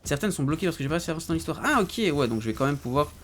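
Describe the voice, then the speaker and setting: A man streaming a game, chatting casually with his viewers in slangy, relaxed talk. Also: a little high, very fast, a little hiss or hum. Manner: laid-back, slangy, talks to chat by name.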